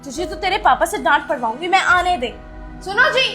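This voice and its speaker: A woman acting as a young mother of a seven-year-old girl, scolding loudly at times and speaking gently at others, in a family drama skit. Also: very high voice, expressive, quick pace, music in the background.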